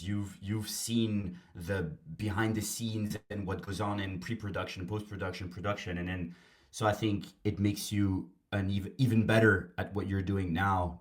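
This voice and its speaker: A podcast host interviewing a guest in a relaxed way, with frequent "yeah"s and fillers. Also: deep voice. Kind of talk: casual interview chat.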